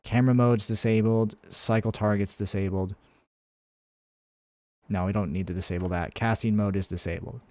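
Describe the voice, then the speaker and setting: A man's voice: fairly low pitch, steady tone, moderate pace, pauses often, dark tone, no echo. A man streaming his game development, thinking aloud in a rambling, casual way with many fillers and restarts while answering chat. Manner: answers chat messages between coding steps.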